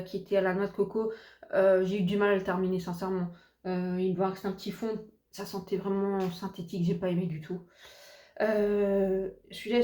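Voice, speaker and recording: A woman's voice: medium pitch, a little mellow. A woman reviewing finished beauty products in a chatty, hesitant way, full of fillers and restarts. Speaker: beauty vlogger. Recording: echoey room.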